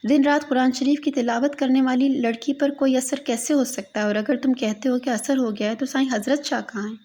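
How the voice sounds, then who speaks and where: A woman's voice: high voice, steady tone, dark tone. A woman reading an anguished grieving father. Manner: anguished, questioning. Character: grieving old father pleading for his daughter.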